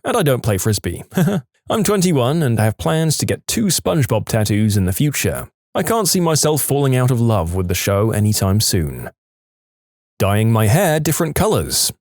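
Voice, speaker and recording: A male narrator with a lively, swinging delivery reads Reddit stories aloud. He punches the funny lines with playful emphasis. The recording is close and dry, with no room sound. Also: mid-range voice, no echo.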